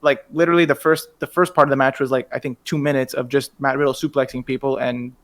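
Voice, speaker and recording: A man's voice: mid-range voice, little pitch movement, quick pace, fairly bright tone. A man co-hosting a wrestling podcast, chiming in with quips and opinionated gripes in a casual chat. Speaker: podcast co-host.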